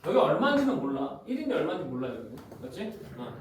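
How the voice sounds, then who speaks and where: High-voiced male math teacher in echoey classroom. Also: huge pitch swings. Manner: constantly checks students' understanding, brisk and informal. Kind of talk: classroom lecture. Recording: very echoey room, far from the mic, faint noise.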